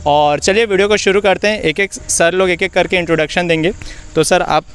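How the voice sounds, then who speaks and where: A man's voice: high voice, fairly even intonation, brisk, a bit bright, clean tone. A man hosting an interview, addressing viewers as friends and asking guests about their exam preparation. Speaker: interviewer and channel host. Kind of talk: casual interview and promotion.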